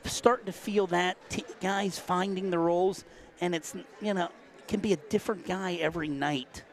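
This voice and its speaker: An older man, a local broadcaster, chatting folksily through post-game interviews with high school players in a gym. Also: steady tone, normal speed. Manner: chatty, folksy, rambling questions. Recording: noisy crowd in a gym. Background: cheering crowd.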